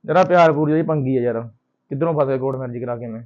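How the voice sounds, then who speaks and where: A man's voice: medium pitch, racing, phone-quality sound, lightly acted. A man acting as a young husband in a Punjabi short film, ruefully complaining about his court marriage.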